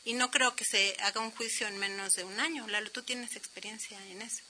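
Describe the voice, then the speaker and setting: A woman's voice: mid-range voice, steady tone, fairly quick, pushed and bright, a little hiss or hum, low-quality recording. A woman hosting a radio news show, explaining a law and telling listeners where to find it. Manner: explanatory, addresses listeners directly.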